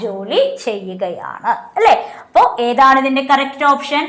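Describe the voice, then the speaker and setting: A woman teaching an exam coaching class. She poses questions and answers them herself, reading slowly and explaining quickly. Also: high voice, expressive, a bit bright, reverberant. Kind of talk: online class lecture.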